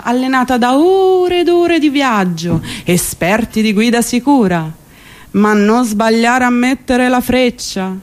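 A stage actress with a fairly high voice performs a theatrical radio monologue as an exasperated, sardonic commuter worn down by city life. Her delivery is ironic and emphatic.

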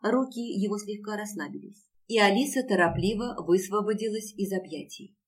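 A woman narrating an audiobook in a steady storytelling manner. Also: medium pitch, moderate pace. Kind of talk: scripted narration.

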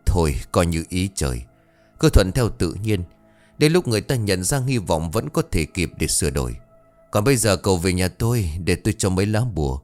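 A man voicing a stern old male village exorcist who speaks in a calm, instructive way, in an audio ghost story. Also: low voice, fairly quick, soft background music. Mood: grave counsel.

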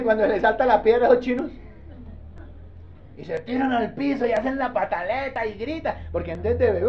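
Lively pastor preaching. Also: male voice, extremely high pitch. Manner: animated, playful, asks the congregation for responses. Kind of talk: sermon. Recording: dull lo-fi sermon recording.

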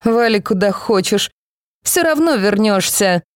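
A woman's voice: medium pitch, expressive, a little slow, no room sound, clean studio sound, pitched above the performer's own voice, natural voice. A woman reading the lines of a cold, uncaring young mother who snaps at her daughter. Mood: dismissive. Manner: cold, dismissive.

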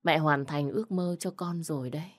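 A woman's voice: low-pitched, a little fast. Woman reading as a sorrowful young mother.

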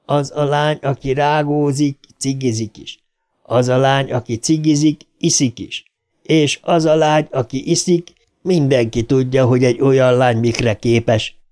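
A threatening middle-aged father, obsessive and eerily calm, chanting his accusations in a slow, measured way , voiced by a man reading an audiobook. The voice is soft-toned and mellow rather than harsh. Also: mid-range voice, close to an everyday voice. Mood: menacing.

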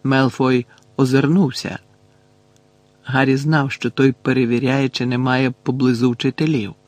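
Measured male audiobook narrator. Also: medium pitch, little pitch movement, no room sound.

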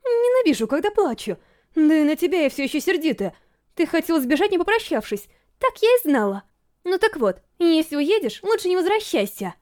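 A woman voicing a stubborn, sharp-tongued young princess, scolding and indignant in an audiobook reading. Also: very high-pitched, sing-song, a little fast, pitched above the performer's own voice. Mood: angry.

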